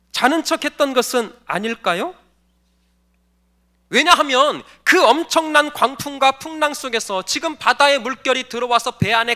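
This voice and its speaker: A man's voice: very high voice, pushed and bright. A male pastor giving a sermon, posing questions to the congregation and answering them, and calling for the next slide. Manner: directs the slide operator between points.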